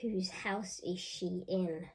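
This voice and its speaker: A woman teacher with a lowish voice reads aloud from a picture book for children. She gives an expressive reading and pauses to question her young audience.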